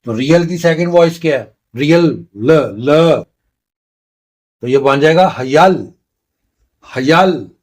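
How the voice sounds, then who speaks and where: Speaking slowly in a slightly high, somewhat mellow voice, a man teaches a beginner language lesson. Each sound gets patient, step-by-step repetition as he explains.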